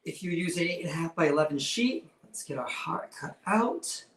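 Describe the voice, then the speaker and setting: A man's voice: on the high side, lively intonation, normal speed, fairly bright tone. A man hosting a casual live cooking show with campy, playful drag queen banter and cheeky innuendo. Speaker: host of a cooking demonstration. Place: indoor kitchen with stone counter. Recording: roomy echo, distant mic, faint noise.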